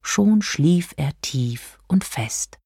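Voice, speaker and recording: Middle-aged lady reading a kids story, low calm voice, dry studio sound. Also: extremely slow, breathy edge, no room sound. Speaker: audiobook narrator. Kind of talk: storybook narration for children. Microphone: close studio mic.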